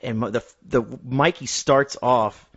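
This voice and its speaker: A man's voice: mid-range voice, steady tone, measured pace, muffled recording. A man co-hosting a podcast, talking casually through a film scene by scene. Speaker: podcast co-host.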